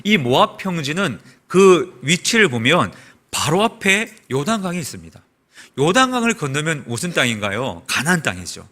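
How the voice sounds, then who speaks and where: A man preaching a Sunday sermon as a pastor in a church, asking the congregation rhetorical questions. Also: normal speed. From South Korea. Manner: preaching with rhetorical questions and lively swings in pitch and volume. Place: church sanctuary.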